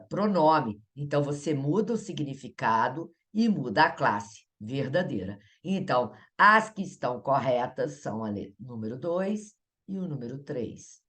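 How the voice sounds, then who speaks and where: A Brazilian woman teaching Portuguese grammar in an exam-prep lesson. She talks in a chatty way, asks the viewer questions and laughs at herself. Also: low-pitched. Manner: upbeat viewer prompts.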